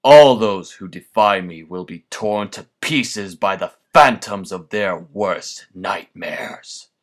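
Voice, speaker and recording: A man's voice: fairly low pitch, fairly bright tone. A man voicing a menacing scarecrow villain, a sadistic, grandiose mad scientist delivering a theatrical, pompous monologue. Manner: menacing scarecrow voice, slow, pompous, florid and deliberate.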